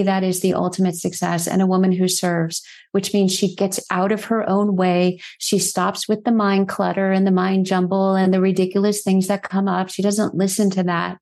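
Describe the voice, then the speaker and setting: A woman's voice: mid-range voice, level tone, moderate pace, darkish tone. A middle-aged woman who works as a physician and life coach, a podcast guest telling her story in an earnest, reflective way, posing rhetorical questions.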